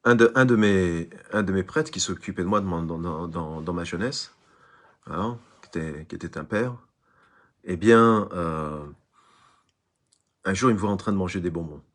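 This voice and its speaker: A man's voice: deep voice, moderate pace. A man giving an online spiritual lecture, emphatic, who repeats phrases and tells little stories. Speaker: spiritual teacher.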